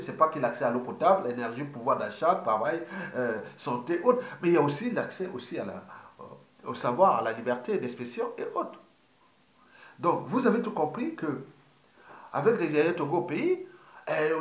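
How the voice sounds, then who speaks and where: Rambling man in his fifties, roomy echo. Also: on the high side. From Congo. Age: 50s. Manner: digressive, repeats words, many fillers and restarts. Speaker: political activist. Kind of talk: rambling political monologue.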